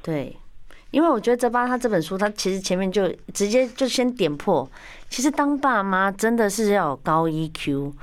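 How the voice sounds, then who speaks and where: A woman with a Taiwanese Mandarin accent and a slightly low voice hosts a relaxed interview. She talks in a chatty, talkative way and fills the gaps with quick agreeing sounds. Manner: chatty, warm agreeing with many short backchannels. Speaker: podcast host. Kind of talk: casual podcast interview.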